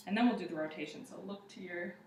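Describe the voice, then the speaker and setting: A woman's voice: fairly low pitch, fast talker, darkish tone. Young woman, procedural exam narration, roomy sound, faint background noise. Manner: procedural, step-by-step narration to a patient and observer. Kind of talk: spoken clinical exam demonstration, narrating findings. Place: living room, indoors. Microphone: camera across the room. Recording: roomy, distant camera mic, faint noise.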